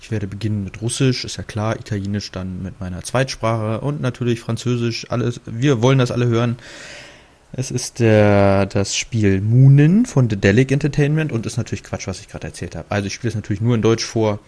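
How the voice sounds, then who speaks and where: Brisk and darkish, a lowish-voiced German man comments on the game he's playing as a let's play host. He chats and rambles as he goes through the menus, interrupting himself with fillers over game music.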